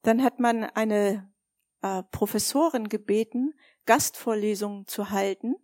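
A woman's voice: medium pitch, measured pace, no room sound, studio quality. A woman preaching a sermon, telling stories and asking her listeners direct questions. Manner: warm, storytelling, addresses listeners directly with questions.

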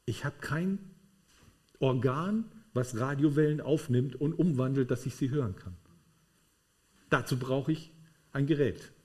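A man's voice: medium pitch, a little slow, long pauses, a little mellow. A man preaching a sermon to a congregation in a room, emphatic and checking in with tag questions.

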